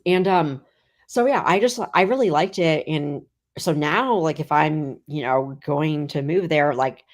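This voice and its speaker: A woman's voice: low voice, measured pace. A woman in her thirties, a guest comedian, chatting casually and rambling with lots of "like.". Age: 30s. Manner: rambling, heavy filler "like". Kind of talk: casual chat.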